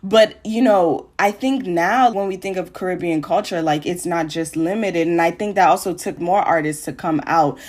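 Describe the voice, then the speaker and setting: A woman's voice: on the low side, darkish tone. A woman guest in an interview, explaining at length in a thoughtful, conversational way with frequent fillers. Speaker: podcast guest.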